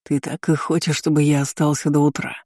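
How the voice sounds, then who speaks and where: A woman's voice: sits low, flat delivery, a little fast, darkish tone, no echo, clean studio sound. Woman doing a sly purring male lover. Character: smug predatory blond male lover.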